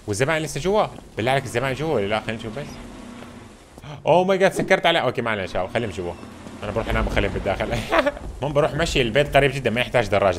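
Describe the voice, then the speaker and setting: A man giving excitable, chatty let's-play commentary and constantly calling out to his viewers. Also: medium pitch. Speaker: gaming channel host. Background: game background music.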